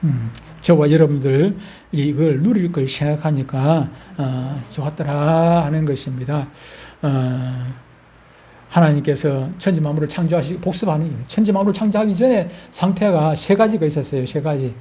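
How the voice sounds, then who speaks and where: A man's voice: a little high, moderate pace, dark tone. An older man, a pastor with a Gyeongsang accent, preaching a sermon in a folksy way and putting questions to the congregation. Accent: Gyeongsang Korean.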